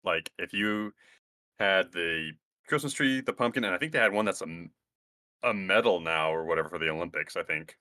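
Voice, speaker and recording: A man's voice: sits low, fairly quick, pushed and bright, no echo, clean studio sound. A man co-hosting a podcast, rambling through casual banter with crude jokes. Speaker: podcast co-host.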